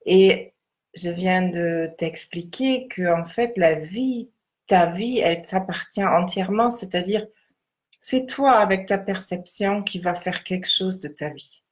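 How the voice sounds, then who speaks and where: A woman leads a guided meditation and contemplative reading. Her voice sits a little low and she speaks very slowly. She is measured and instructive, leaving deliberate pauses between short phrases.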